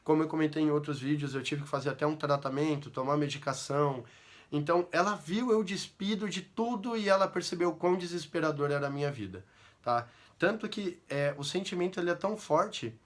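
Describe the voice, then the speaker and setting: A young man with a Brazilian accent talking about his own life in a personal vlog, earnest and halting, repeating phrases and tag questions. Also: fairly high pitch. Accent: Brazilian Portuguese. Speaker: vlogger.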